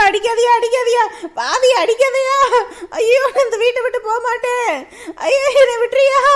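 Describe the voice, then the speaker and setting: A woman's voice: very high voice, sharp tone, full character voice. A woman voicing a scheming young wife who wails, cries and begs not to be beaten. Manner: wailing, crying and begging. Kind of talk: dramatic story voice acting.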